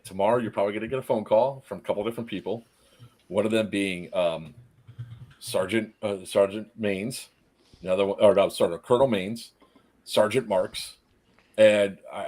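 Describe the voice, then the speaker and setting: Lively man telling a story, low voice. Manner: animated, quotes people, laughs mid-story; swears freely. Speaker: stream co-host. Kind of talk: casual storytelling.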